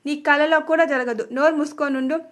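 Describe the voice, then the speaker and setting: A woman's voice: high voice, steady tone, normal speed, lightly acted. A woman voicing an angry, possessive young husband in a dramatic storybook reading, talking in a commanding, threatening way. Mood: angry, pleading.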